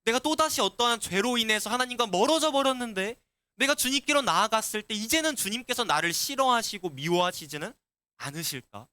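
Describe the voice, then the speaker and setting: Male youth pastor with a high, very lively voice, preaching to teens. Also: fairly quick, smooth, dry recording. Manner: asks the students many questions; lively and animated. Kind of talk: sermon to middle schoolers.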